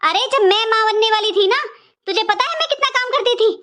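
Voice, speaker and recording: Woman voicing a shrill bossy mother-in-law. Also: a little fast, fairly bright tone. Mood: scolding. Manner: harsh scolding, commanding. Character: bossy scolding middle-aged mother-in-law. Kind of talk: animated cartoon voice acting.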